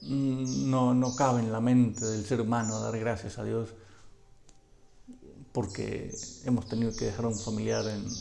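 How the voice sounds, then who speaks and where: A man preaching a sermon, asking his listeners rhetorical questions and dropping to a hush when he quotes scripture. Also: fairly low pitch, flat delivery, a little slow, creaky, a little hiss or hum.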